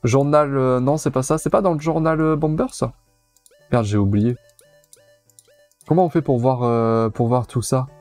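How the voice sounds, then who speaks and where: A man's voice: mid-range voice, moderate pace, pauses often, a little mellow, no echo, soft background music. A man giving casual, chatty commentary while streaming a video game, repeating himself and using many fillers. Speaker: let's play streamer.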